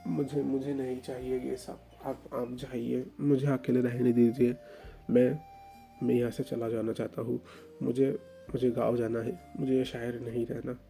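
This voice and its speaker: A man's voice: mid-range voice, little pitch movement, measured pace, gravelly, warm tone, soft background music. A man voicing a timid, tearful young man who stammers and pleads in a whiny way. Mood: tearful pleading.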